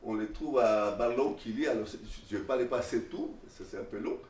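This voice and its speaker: A man giving an informal classroom lecture, animated, with many restarts and fillers. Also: mid-range voice, fairly quick. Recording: echoey room, mic far away.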